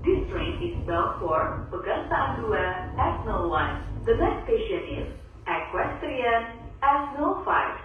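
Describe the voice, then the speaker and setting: A woman giving a formal, measured prerecorded announcement over a train's public-address loudspeaker, heard from afar inside a moving carriage. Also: a little high, very animated, distant mic. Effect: onboard train public-address loudspeaker announcement. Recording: muffled echoey loudspeaker heard from afar, noisy.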